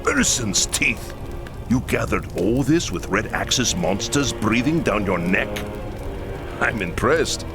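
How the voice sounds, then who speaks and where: A man voices a proud, solemn Kislevite camp leader, middle-aged and grave, in a cutscene from a fantasy game about a war-torn camp. He speaks in a low voice, earnest and solemn with moments of pleading, while orchestral music plays behind.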